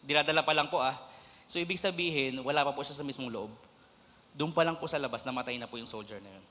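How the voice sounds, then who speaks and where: A man's voice: medium pitch, fast talker, bright, forceful tone. A young man preaching a sermon in a church, switching between Tagalog and English and prompting the congregation for amens. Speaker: lay preacher. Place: church sanctuary. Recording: long hall reverb.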